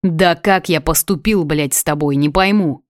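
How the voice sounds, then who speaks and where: A woman's voice: low voice, moderate pace, dry recording, clean studio sound, close to an everyday voice. A woman voicing a furious young man who demands answers through clenched teeth, in an audiobook reading. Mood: angry demanding.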